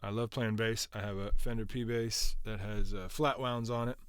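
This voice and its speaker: A man's voice: lowish voice, fairly even intonation, moderate pace, clean tone, dry recording. A man casually walking through how he produced a song, rambling with lots of filler words and restarts. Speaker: music producer.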